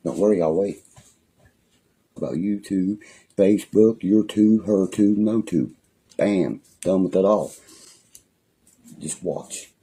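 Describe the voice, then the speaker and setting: His voice is low-pitched, warm and husky, and he speaks slowly with frequent pauses. The young West Virginian livestreamer is in a small room at home, ranting on a phone stream, angry, rambling, threatening and cursing heavily.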